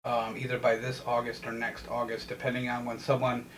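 A man's voice: medium pitch, monotone, fairly quick, far from the mic, crowd noise. A man in his thirties hosting a casual chat, joking loosely and laughing often. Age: 30s. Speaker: podcast host.

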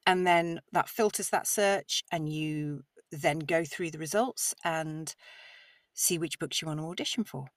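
A woman with a lowish voice talks expansively and with enthusiasm as a podcast guest. She sits a little back from the microphone, and the sound is dry and close, with no room echo. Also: a little slow. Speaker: audiobook narrator, guest. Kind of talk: conversational podcast interview. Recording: slightly distant mic, dry sound.

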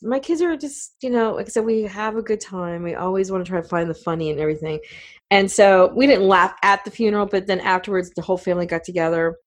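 A middle-aged woman co-hosting a radio talk show, telling family stories in a chatty way with lots of fillers. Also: medium pitch. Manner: chatty, storytelling, many fillers. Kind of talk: casual chat.

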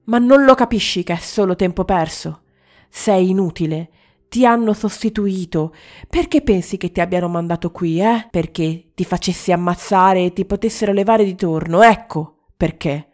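A woman voicing a cruel, mocking mirror reflection of a prince in a storybook, speaking harshly and loudly. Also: on the low side, moderate pace, natural voice. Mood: scornful. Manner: harsh, scornful, loud.

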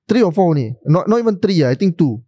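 A man's voice: high voice, big pitch swings, fast, warm tone, no room sound. A young man with a Singaporean accent chatting casually in Singlish mixed with Malay slang, teasing and often repeating himself for emphasis. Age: young adult.

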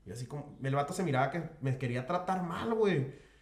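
A man's voice: on the high side, fast, roomy sound. A man with a Mexican Spanish accent, slightly nasal, casually telling a story on a podcast, full of slang. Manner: slangy, animated anecdote teller, peppers speech with "güey". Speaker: podcast host.

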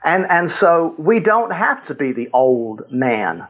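An older man, a guest author, talking through his points in a relaxed conversational way about faith and fatherhood, with frequent chuckles. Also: fairly high pitch, slow pace, muffled recording.

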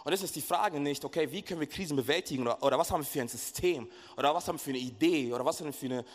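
Fast-talking young preacher in a reverberant hall. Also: male voice, on the high side. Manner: casual, animated storytelling with slang. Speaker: pastor. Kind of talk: sermon with a lively personal story. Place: church service hall. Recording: echoey hall.

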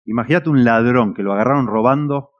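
An earnest man with a Rioplatense accent preaches a sermon at a middling pitch. He presses his points hard, swelling loud and then falling almost to a murmur. The recording is dull and lo-fi. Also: fast. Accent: Rioplatense Spanish. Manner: earnest, emphatic, swells and drops in loudness.

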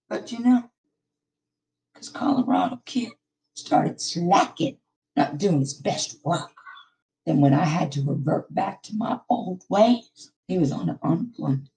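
This is a sleazy, conniving office gossip as a woman puts her on in a comedy sketch. Her voice is hoarse and kept low and conspiratorial, as if sharing something shameful. She sounds unbothered by her own scheming. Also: dark tone, heavily acted, low-quality recording. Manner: conspiratorial, confiding to listeners in a lowered voice.

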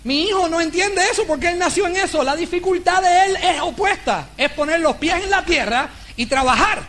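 A man's voice: extremely high pitch, brisk. A middle-aged man giving a motivational business talk to a live audience, telling stories and acting out dialogues. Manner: animated storyteller who acts out dialogues.

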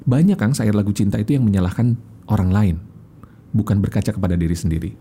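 A man, a guest explaining communication in a casual chat, animated and fond of acting out examples. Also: lowish voice, fast.

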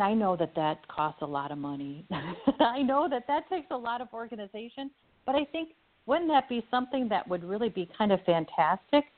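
Midwestern woman host, low-ish voice, earnest storyteller, phone-quality audio. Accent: Midwestern American. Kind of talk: conversational interview. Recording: phone-like lo-fi line.

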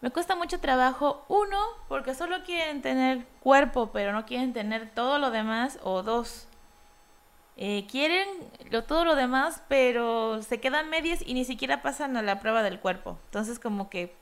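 A woman's voice: sits high, moderate pace, clean tone. Candid, chatty young Mexican woman. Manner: candid and chatty, with many fillers and mock quotes. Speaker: design graduate. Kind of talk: casual personal monologue.

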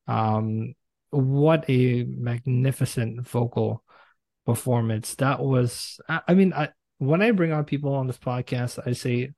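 A man from Brooklyn with an American accent, interviewing on a podcast in an effusive, halting way. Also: medium pitch, gravelly, darkish tone, no echo. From Brooklyn, New York. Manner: effusive, halting delivery with repeated words.

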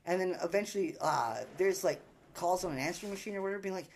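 A man's voice: sits high, quick pace, gravelly, a little hiss or hum. A man from Canada, a podcast guest, telling loose stories in casual chat with lots of swearing and filler words.

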